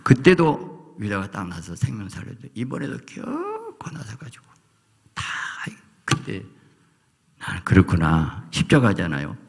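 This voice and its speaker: A middle-aged male pastor preaches in a church sanctuary, his low voice gravelly and husky. He swings from loud calls down to hushed near-whispers. The hall leaves a long reverb on every line. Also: wildly swooping pitch, measured pace. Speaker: senior pastor. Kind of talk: sermon.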